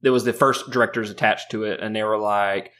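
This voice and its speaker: A man's voice: fairly low pitch, fairly even intonation, brisk, sharp tone. A man co-hosting a podcast in casual chat, blunt and swearing heavily. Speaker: podcast co-host.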